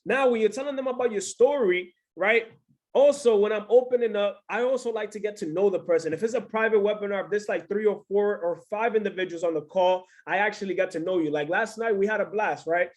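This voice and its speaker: A man from the United States giving an energetic motivational business training over a video call, constantly checking in with the listeners. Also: sits high, brisk. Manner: hyped, energetic, peppers talk with "right?".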